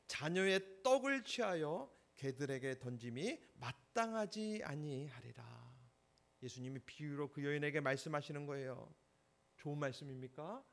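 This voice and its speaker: A male pastor preaching a Sunday sermon, emphatic and often putting questions to the congregation. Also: high-pitched.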